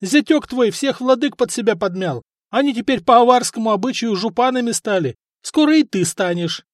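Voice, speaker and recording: A man's voice: lively intonation, normal speed, no echo, clean studio sound. A man voicing a spiteful, scheming middle-aged wife of a chieftain who scolds and mocks her husband. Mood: mocking. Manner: shrill, scolding, mocking. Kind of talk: audiobook character voice.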